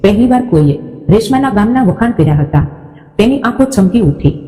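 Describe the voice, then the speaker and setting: A woman narrating a scripted family story in a calm, steady way. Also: mid-range voice, fairly quick, in a large hall, low-quality recording.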